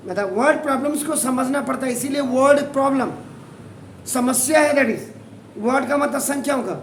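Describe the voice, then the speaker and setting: A middle-aged Indian man teaching math, who talks in emphatic bursts and wanders off topic. He sounds some distance from the mic, in a room that echoes. A faint hum sits underneath. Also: very high-pitched. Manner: switches between Hindi and English, emphatic and rambling. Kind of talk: math lesson in Hindi and English.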